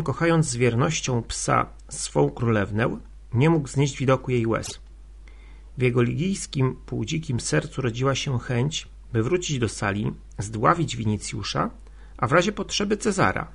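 A man narrating a classic novel as an audiobook in a steady reading manner. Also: mid-range voice, vocal fry, breathy edge.

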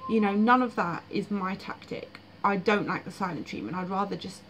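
A woman's voice: medium pitch, normal speed, over music, low-quality recording. A woman vlogging about her dreams in casual, frank, blunt monologue with frequent fillers.

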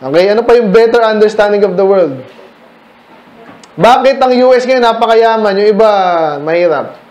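A man with a high-sitting, slightly mellow voice and lively intonation speaks at a moderate pace, teaching a church history seminar to a mixed room in a church meeting room. He keeps it conversational, peppering his points with rhetorical questions to listeners and mixing in English terms. The sound is lo-fi and the room echoes.

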